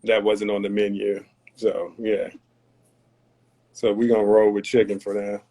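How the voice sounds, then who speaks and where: Unhurried and flat, a man with a low, dark voice reflects in conversation as a podcast guest. He hails from Tarboro, North Carolina, and his tone is earnest, philosophical, and a bit preachy.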